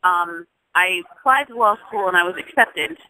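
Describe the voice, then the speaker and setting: On a rough recording, a low-voiced woman speaks at a normal speed. She's a Jamaican singer in her thirties giving an interview, casual and thoughtful, with frequent restarts and soft laughs along the way.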